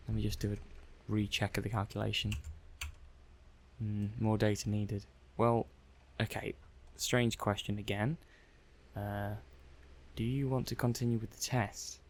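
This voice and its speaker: A man plays a friendly technician in a sci-fi ASMR roleplay, softly and hesitantly musing aloud as he runs tests on a robot, a bit flustered, puzzled yet methodical. His fairly low voice carries lots of gravelly creak, with little pitch movement and an unhurried, conversational pace.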